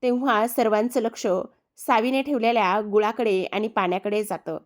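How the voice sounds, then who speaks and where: Woman recapping a tv serial ep, storyteller style, fairly high voice. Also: normal speed. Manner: steady storyteller's retelling.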